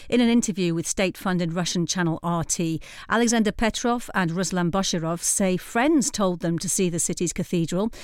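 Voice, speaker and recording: A woman's voice: lowish voice, a little fast, hardly any pauses, smooth, no echo. A woman presenting a news programme, reading scripted links and putting questions to studio guests.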